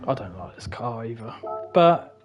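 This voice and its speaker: A man's voice: medium pitch, very animated, moderate pace, music in the background. A man streaming a racing game in casual commentary, swearing and mocking himself as he drives. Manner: sweary, self-mocking, mutters wryly to himself. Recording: loud game engine noise behind voice.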